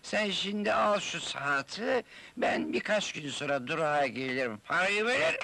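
A man's voice: sits high, very animated, normal speed, gravelly, pushed and bright, exaggerated voice. A man voicing a drunk male cockroach passenger who slurs, giggles and sings to himself. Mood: drunken. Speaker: taxi passenger.

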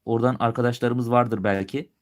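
A male teacher from Turkey leads a live exam review, asking his students questions and answering them himself. He speaks in Turkish with a slight regional lilt he puts on now and then, at a steady mid pitch. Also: a little fast. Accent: Turkish, with a regional lilt he puts on at times.

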